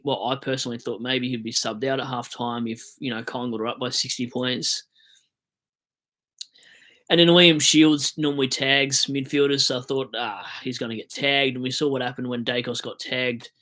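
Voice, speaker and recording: A man's voice: medium pitch, fairly bright tone. Australian man ranting casually on a livestream. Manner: chatty, swears, mock-rants at a player. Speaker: fantasy football livestream host.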